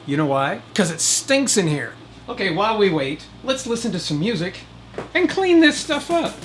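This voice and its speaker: Very animated and high-pitched, the DIY host moves at a moderate pace through a very noisy recording. His talk is casual and homespun, peppered with wry asides for the audience.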